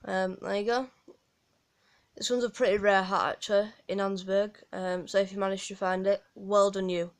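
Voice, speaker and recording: This gaming guide creator, a Yorkshire woman, has a mid-range voice with a level tone and a moderate pace. Recording from home, she gives a loose, meandering walkthrough of a game, often saying um and starting over.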